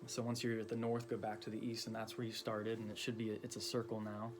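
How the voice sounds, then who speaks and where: A man with a low, fairly flat voice talks through a ritual like an informal teacher, filling pauses with ums and you-knows. A faint hiss of room noise sits under his speech. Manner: loose and halting, many ums and you-knows. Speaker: occult teacher. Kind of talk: casual explanatory lesson.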